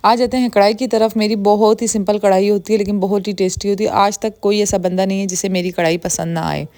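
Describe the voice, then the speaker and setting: A woman who talks quickly in a friendly, homely way, narrating her home cooking as a vlogger. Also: medium pitch, steady tone, darkish tone, no room sound. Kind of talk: chatty cooking voice-over. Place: home kitchen.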